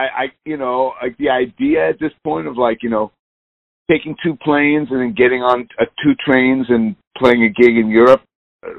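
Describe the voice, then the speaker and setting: A musician in his sixties, interviewed casually, rambles in a loose, candid way with a gravelly, medium-pitched voice. The recording is dry and comes through a dull lo-fi line.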